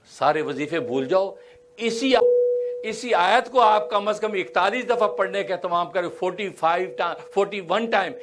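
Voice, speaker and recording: A man preaching a Friday sermon in an animated storytelling manner, mixing English words into his telling. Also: high voice, very noisy. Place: mosque.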